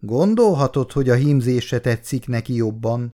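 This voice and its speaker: A man's voice: medium pitch, lively intonation, warm tone, natural voice. Man voicing a mild old working mother. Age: older. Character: hardworking older woman, gentle mother.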